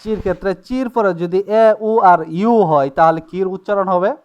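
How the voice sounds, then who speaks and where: A man teaching an Italian class in Bengali, speaking slowly and checking again and again that his students follow. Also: high voice, clean tone, dull audio. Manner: explains slowly with many checks like "ঠিক আছে?" and "নাকি?". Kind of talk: live online class taught in Bengali.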